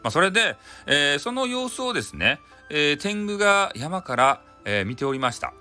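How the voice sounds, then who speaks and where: Lively Hakata-accented man telling a folktale. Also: on the high side, normal speed, smooth, soft background music. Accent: Hakata dialect. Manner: playful and chatty, with many dialect endings. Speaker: storyteller. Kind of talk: bedtime folktale narration.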